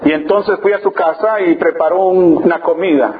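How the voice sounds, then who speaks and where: A man's voice: sits high, normal speed, narrow, tinny audio, slight background noise. A man preaching a storytelling sermon, emphatic and repeating his key phrases.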